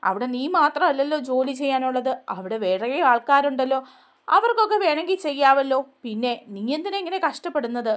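A woman's voice: sits high, animated, fairly quick. A woman reading lines for a stern scolding husband. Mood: insistent. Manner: insistent, scolding. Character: stern protective husband, scolding his wife.

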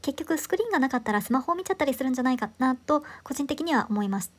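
Brisk, high-voiced woman narrating a hotel tour. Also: animated. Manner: upbeat, enthusiastic reviewing. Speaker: travel vlogger. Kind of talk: scripted voice-over narration.

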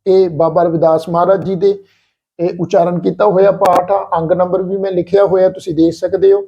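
A man from Punjab teaching scripture pronunciation in a patient, slow lesson, repeating each word carefully. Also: high voice, flat delivery, gravelly. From Punjab, India. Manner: patient, repeats words slowly and deliberately. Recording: slightly dull lo-fi recording.

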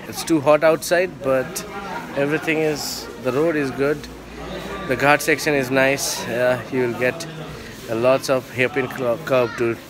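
This travel vlogger, a man in his thirties with an Indian English accent, talks chattily to a phone camera held at arm's length, his voice at a medium pitch. He films outdoors by roads, in a car and in hotel rooms, with traffic noise audible outside, and sounds tired near the end of the casual vlog.

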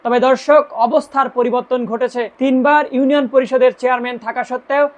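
A woman's voice: sits high, little pitch movement, quick pace. A woman with a Bangladeshi accent presenting scripted news and commentary, addressing viewers directly in an emphatic way.

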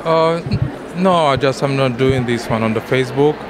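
A middle-aged Ukrainian painter with a Russian accent and medium pitch gives halting answers in broken English while exhibiting at an indoor art exhibition booth. He's interviewed on the interviewer's handheld microphone amid noisy exhibition hall ambience.

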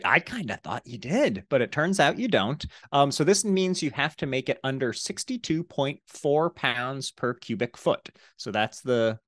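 A man's voice: mid-range voice, a bit bright, dry recording, clean studio sound. A young man co-hosting a casual podcast over a video call, talking through a headset mic from a small room at home, with a joking, wry manner. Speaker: podcast co-host. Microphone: headset with boom mic on video call.

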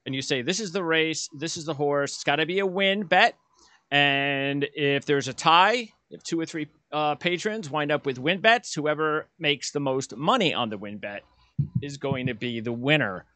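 Middle-aged male host, chatty and rambling, bright forceful tone, dry close sound. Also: a little high, moderate pace, no room sound. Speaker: podcast host. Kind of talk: casual sports chat. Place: home room, indoors.

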